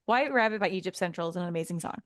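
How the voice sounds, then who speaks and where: A woman's voice: fairly low pitch, fairly even intonation, very fast, dry recording, studio quality. A woman co-hosting a podcast in casual chat, laughing often as she talks. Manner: giggly, laughs often while talking. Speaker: podcast co-host.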